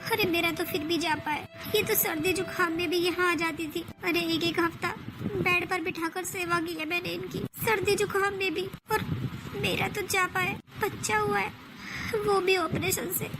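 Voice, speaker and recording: A woman's voice: very high-pitched, fairly even intonation, normal speed, noisy background. A woman playing a young daughter-in-law recovering after childbirth, who talks in a complaining, pleading way in a family comedy skit. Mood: aggrieved.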